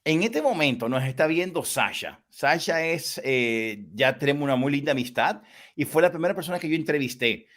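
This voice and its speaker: A man hosting a livestream interview, telling stories with animated energy. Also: normal speed. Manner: animated storyteller with lively swings in pitch. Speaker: host.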